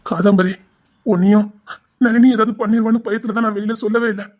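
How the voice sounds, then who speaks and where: A man's voice: high-pitched, fairly even intonation, brisk, a little mellow, natural voice. An actor with a Tirunelveli Tamil accent playing a stern, remorseful older father who scolds and then pleads with his daughter.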